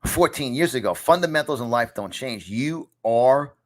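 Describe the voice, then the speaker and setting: This fiftysomething success coach from New York talks into the camera in his small home studio, pressing his message with emphasis and deliberate repetition. He has a mid-range, expressive voice at normal speed.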